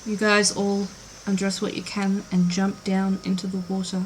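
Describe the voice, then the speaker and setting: A woman running a tabletop game as dungeon master, narrating scenes in a measured, descriptive way. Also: mid-range voice, monotone, a little hiss or hum, rough recording.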